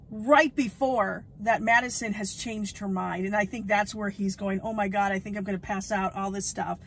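A woman vlogger in casual chat, gushing and chatty, often breaking into excited exclamations. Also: mid-range voice, slight background noise, rough recording. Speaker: vlogger recapping a reality show.

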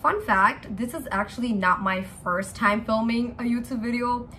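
A woman's voice: a little high, normal speed, bright, forceful tone, slight background noise. A young woman chatting casually in a home vlog, playful and self-mocking, laughing and leaning on "like" fillers. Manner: chatty and giggly, lots of "like" fillers. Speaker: vlogger. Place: at home indoors.

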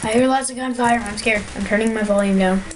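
Girl gamer narrating her match, kinda high voice, lots of trash talk, noisy mic hiss. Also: fairly even intonation, fast. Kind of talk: gameplay commentary.

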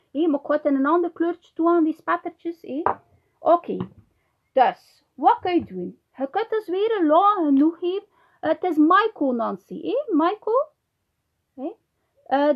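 A woman's voice: very high-pitched, dull audio. A woman with a Flemish accent giving a hands-on ceramics tutorial, chatting loosely and tagging nearly every sentence with a little "hè". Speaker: ceramics teacher.

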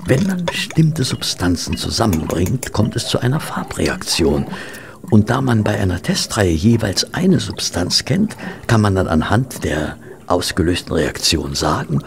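A man playing an educated doctor and loyal companion in a German radio play, speaking in a measured, explanatory way. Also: sits low, very animated, vocal fry, noisy background, exaggerated voice. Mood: thoughtful.

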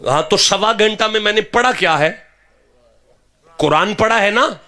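A man with a Pakistani Punjabi accent preaching a sermon at a live religious gathering. He questions his listeners and builds up to fervent shouting. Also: sits high, unhurried.

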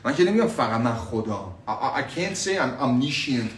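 Animated teacher. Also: male voice, mid-range voice, reverberant, recorded from a distance. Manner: switches between Persian explanation and slow drilled English phrases; animated, repeats phrases for learners. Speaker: English teacher. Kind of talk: live online English lesson.

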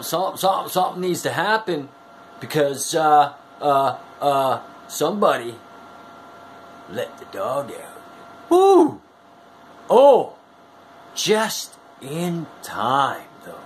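Speaking to camera from a small room at home, a forties-aged man who hosts wrestling fan videos gives a theatrical promo monologue in a mid-range voice. Bombastic and showy, he draws words out and whoops without warning, over slight background noise.

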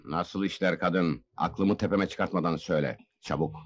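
A man's voice: deep voice, moderate pace, dull audio. A man playing a hot-tempered, proud warrior lord in a melodramatic period film, stern, commanding and impassioned. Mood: stern, impatient.

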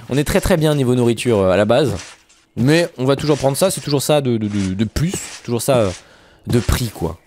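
A young man chatting casually to viewers while playing a survival game, animated, with high exclamations and drawn-out words. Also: slight background noise. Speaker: gaming video host. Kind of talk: casual Minecraft let's play commentary.

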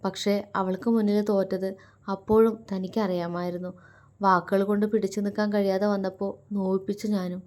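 A woman narrates a romance story as a storyteller, with an emotive, measured reading. Her voice sits at an ordinary middle pitch for a woman. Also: level tone, darkish tone.

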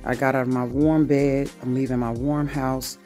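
A woman's voice: very deep voice, flat delivery, normal speed, mellow. Woman in her 40s talking into her phone at home, chatty morning vlog, faint music behind. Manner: chatty, self-motivating, talks to the camera while doing chores. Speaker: vlogger. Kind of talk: casual self-filmed vlog. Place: home, bedroom then kitchen. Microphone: phone held at arm's length.

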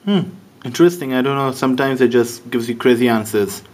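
Demonstrating a phone app, a Pakistani-accented man keeps up a chatty, amused running commentary on the answers it gives. He speaks fairly quickly in a mid-range voice with a darkish tone.

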